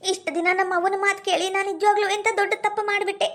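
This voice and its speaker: A woman's voice: very high-pitched, level tone, rapid-fire, fairly bright tone. A woman playing a young, repentant village daughter-in-law in a comedy skit, with a North Karnataka accent and a pleading, apologetic manner. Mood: remorseful. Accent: North Karnataka Kannada.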